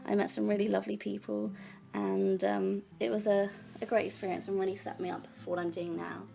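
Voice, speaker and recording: A woman's voice: medium pitch, little pitch movement, brisk, vocal fry, dark tone. A woman in her twenties from Yorkshire, narrating her own life story as a voice-over in a reflective, sentimental way. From Yorkshire, England. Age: 20s. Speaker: vlogger. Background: music backing.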